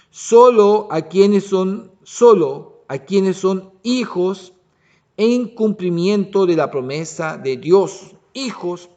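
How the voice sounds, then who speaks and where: A man teaching a Bible lesson as pastor, often pausing to check the congregation understands. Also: high-pitched, a little mellow, dull audio. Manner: restarts and asks "¿ya?" to check understanding. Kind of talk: Bible study sermon.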